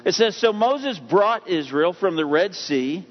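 A man preaching with a somewhat high voice, swinging from raised, acted-out lines to low, quiet asides. His words ring out with a long reverb, as if from a large church sanctuary. The sound is a little dull, with a faint hiss underneath. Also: a little slow. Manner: animated preaching, acts out voices of people and God. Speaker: pastor. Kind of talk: sermon.

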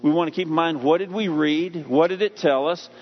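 A man preaching with a somewhat high voice, swinging from raised, acted-out lines to low, quiet asides. His words ring out with a long reverb, as if from a large church sanctuary. The sound is a little dull, with a faint hiss underneath. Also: fairly quick, faint music behind. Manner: animated preaching, acts out voices of people and God. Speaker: pastor. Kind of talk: sermon.

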